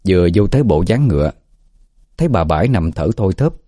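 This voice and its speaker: Deep, mellow-voiced male storyteller. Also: big pitch swings, fairly quick, dry recording, clean studio sound. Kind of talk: scripted story narration.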